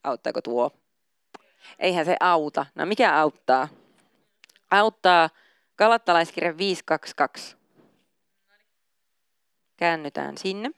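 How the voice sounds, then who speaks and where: A woman pastor preaching a sermon in a lowish, very smooth and clear voice. She reads scripture aloud and then shifts into casual, informal talk. The sound is dry and close, with no room echo. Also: lively intonation, pauses often, fairly bright tone. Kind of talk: sermon with Bible reading.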